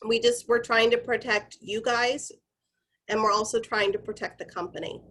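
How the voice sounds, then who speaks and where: A woman's voice: fairly high pitch, level tone, moderate pace, a bit bright. Conversational woman leading corporate training. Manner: conversational, instructive, addressing the group directly. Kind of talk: corporate training presentation, informal explaining.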